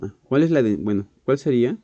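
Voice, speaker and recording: A man teaching a physics class, often clearing his throat, correcting himself and checking in with "ok". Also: mid-range voice, animated, fairly quick, dark tone, dry recording, muffled recording. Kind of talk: online exam-prep physics lesson.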